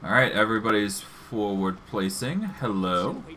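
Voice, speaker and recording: A man hosting a game stream, talking through his play and narrating on-screen text. His voice sits fairly low and he takes his time, with a very slow pace. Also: pushed and bright, slight background noise. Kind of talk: video game commentary and reading text aloud.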